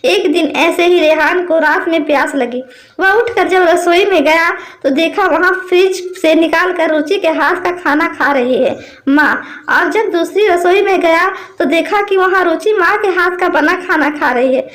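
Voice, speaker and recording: A woman narrating a moral story for bedtime in a lively, expressive way. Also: extremely high pitch, normal speed.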